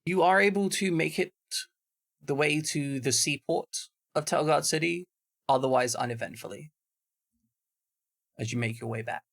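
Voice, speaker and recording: A man's voice: on the high side, normal speed, creaky, pauses often, fairly bright tone. A man narrating as game master of a tabletop game, chatty and full of asides. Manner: explains at length, chatty with many asides.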